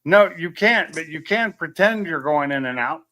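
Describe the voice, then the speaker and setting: A man hosting a casual video-call chat from his home garage, plain-spoken and quick to grumble about his connection. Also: on the high side, lively intonation, pushed and bright, poor audio. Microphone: laptop on a video call.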